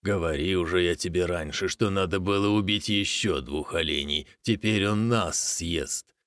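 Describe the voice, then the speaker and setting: A man voicing a big, cowardly bear in a folk tale, gruff and grumbling. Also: low voice, moderate pace, fairly bright tone, no room sound, studio quality.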